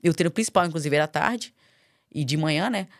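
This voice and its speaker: A woman's voice: low voice, fast talker, no room sound, studio quality. A young Brazilian woman from Espírito Santo, a guest on a podcast, telling her story earnestly and animatedly, with frequent tag questions. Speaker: podcast guest, MMA fighter. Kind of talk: casual storytelling interview.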